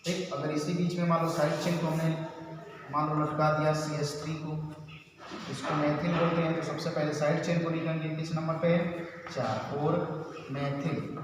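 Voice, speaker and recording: A man's voice: on the high side, little pitch movement, moderate pace. A male chemistry teacher giving a step-by-step classroom lecture, asking questions and answering them himself. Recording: echoey hall from far off, noisy.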